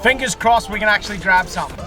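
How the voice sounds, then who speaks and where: High-voiced blokey Australian tradie-type man, loud music. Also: quick pace. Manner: blokey, laid-back tradie-style slang. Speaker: fishing vlog host. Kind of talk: casual outdoor vlog chat. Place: outdoors on a boat at sea. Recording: loud music, outdoors on boat.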